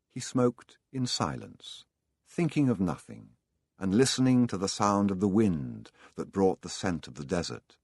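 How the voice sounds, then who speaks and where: A man narrating an audiobook in a calm storytelling manner. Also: low-pitched, slightly rough, dry recording, studio quality.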